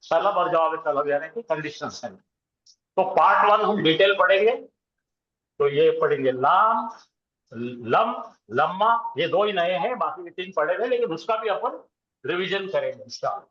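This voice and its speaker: A man with a high voice, lively intonation and a slightly slow pace lectures a class on Arabic grammar, quizzing students with call-and-response questions and chanting verb conjugations in rhythmic lists. The classroom recording is roomy, dull and lo-fi.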